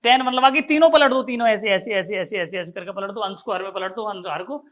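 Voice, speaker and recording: High-voiced man teaching math. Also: brisk, fairly bright tone. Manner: repetitive, drilling, addresses students as bhaiya and sahab. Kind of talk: classroom math lesson.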